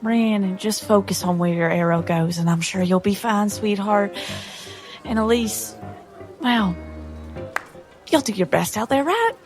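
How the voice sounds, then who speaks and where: A man's voice: sits high, measured pace, long pauses, faint music behind, voice pushed up. A man putting on a dry, teasing young heroine. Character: witty young woman heroine, calm.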